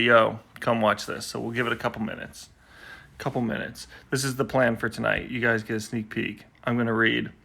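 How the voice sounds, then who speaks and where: A man's voice: medium pitch, vocal fry, pushed and bright. A man hosting his own live poetry stream, chatting and teasing viewers in a rambling way while he waits to start, recorded on a phone indoors at home. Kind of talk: casual chat to live viewers.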